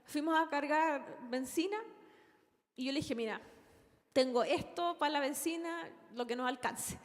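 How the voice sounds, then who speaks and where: A woman's voice: high-pitched, a little slow, long reverb tail. A young woman preaching a sermon, telling a personal story earnestly and addressing the congregation as brothers.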